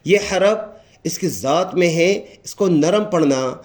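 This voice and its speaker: A man with a Pakistani Urdu accent giving a patient recitation lesson, explaining each letter and repeating it slowly and drawn out. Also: fairly high pitch. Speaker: Quran recitation teacher.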